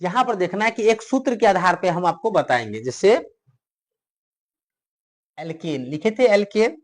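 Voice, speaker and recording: A man's voice: sits high, lively intonation, a little slow. A male teacher with a north Indian Hindi accent, giving a chemistry lecture that repeats each question and answers it himself for the class. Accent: Hindi-speaking north Indian. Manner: repetitive question-and-answer drilling.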